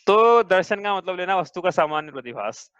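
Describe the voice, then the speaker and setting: A man with a high voice leads a scripture class, explaining point by point and checking his students with questions. The sound is dull and lo-fi, dry with no room echo. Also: animated, a little fast, a bit bright, clear, resonant tone. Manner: patient, asks students questions. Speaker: teacher. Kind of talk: religious class lecture.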